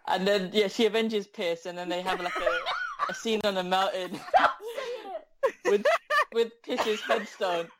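A man's voice: high-pitched, unhurried, pauses often, heavy background noise. A man co-hosting a casual podcast, telling stories with lots of giggling. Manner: giggly, animated storytelling. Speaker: podcast co-host. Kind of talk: casual chat.

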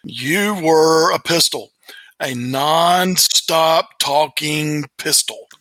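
A man's voice: fairly high pitch, drawn-out words, bright, forceful tone, no echo, low-quality recording. A man in his late fifties, an interview guest and former coach, telling family stories in a casual, folksy, plain-spoken way. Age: late 50s. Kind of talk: casual storytelling.

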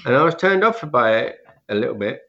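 A man's voice: mid-range voice, big pitch swings, brisk, pushed and bright. Toothless older man, dull lo-fi sound. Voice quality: toothless, slurred speech from having all teeth out. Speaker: interview guest, veteran skydiving suit maker. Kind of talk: casual reminiscing in an interview.

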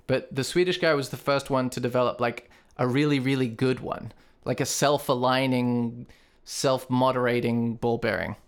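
A man's voice: mid-range voice, fairly even intonation, moderate pace, clear, resonant tone. A man acting as game master, explaining things at length and reading facts aloud. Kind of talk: narrating a tabletop game.

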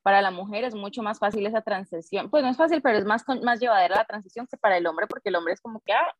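A woman's voice: medium pitch, fast, no room sound. A woman co-hosting a casual podcast, explaining her points in a friendly way. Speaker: podcast co-host.

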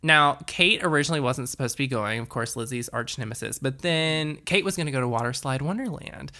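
A woman with a bright, forward voice talks through a movie with a co-host, enthusiastic and chatty. Her tone stays crisp and lively in this casual recap. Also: a bass voice, a little fast. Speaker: podcast co-host. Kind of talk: casual chat.

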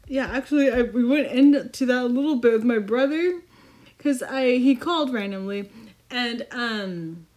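A woman's voice: fairly high pitch, animated, moderate pace, darkish tone. A young woman hosting a podcast, slightly tipsy, rambling casually with lots of swearing and self-deprecating asides. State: slightly intoxicated. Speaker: podcast host. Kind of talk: casual chat.

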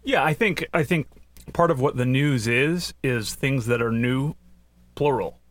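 Punning dad on a news chat. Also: male voice, mid-range voice, unhurried, no room sound. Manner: punning, dry dad jokes; hesitant, with many ums. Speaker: podcast co-host, father of the other host.

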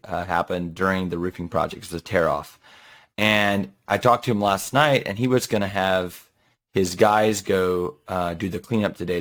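A man with a deep voice talks casually as a podcast co-host, handing out advice. He is emphatic and drives key points home by repeating them. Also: a bit bright.

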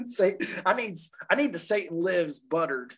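A man co-hosting a podcast, excitedly telling a story in casual chat and laughing often. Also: high-pitched, a little slow, husky. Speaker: podcast co-host.

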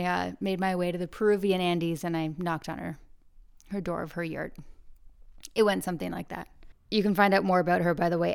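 A woman hosting a podcast in casual, chatty talk, recorded alone in a huge, high-ceilinged room with lots of echo on a portable travel mic. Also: creaky, smooth. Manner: chatty and bubbly, jokey asides. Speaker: podcast host. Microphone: portable travel microphone.

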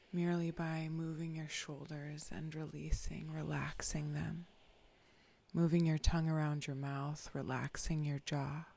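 A guide talks a listener through breathing and relaxation, much of it in a soft whisper. The delivery is unhurried and level, with a slight gravelly texture under the words. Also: mid-range voice. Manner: soft, often whispered, slow and calm instructions. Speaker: meditation guide. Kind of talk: guided meditation.

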